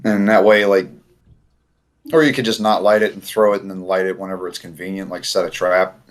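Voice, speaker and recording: A man's voice: low-pitched, flat delivery, fairly quick. A man chatting casually as a player in a tabletop game, rambling with many fillers and restarts.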